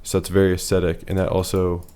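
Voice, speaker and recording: A man's voice: deep voice, completely flat delivery, fast, mellow. A man losing his voice, giving a casual, matter-of-fact voice-over that rates features one by one. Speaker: facial analysis presenter.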